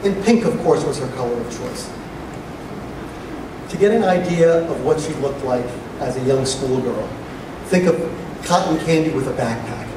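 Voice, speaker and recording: A middle-aged man giving a father of the bride speech at a wedding reception, speaking deliberately with pauses and dry humor. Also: medium pitch. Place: large room at a wedding reception. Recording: echoey reception hall, distant mic, noisy crowd. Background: guests and crowd noise.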